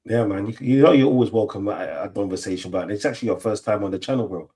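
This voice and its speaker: Man, husky, lowish pitch, matey slangy host, casual chat. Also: quick pace, dark tone. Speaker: host of a football fan show.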